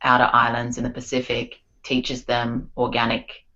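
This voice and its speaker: A woman's voice: very deep voice, completely flat delivery, moderate pace, bright, forceful tone, dull audio. A woman, chatting casually as a guest on a podcast, peppering her talk with "like" and "um". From Australia. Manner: chatty, lots of "like" and "um". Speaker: guest singer-songwriter.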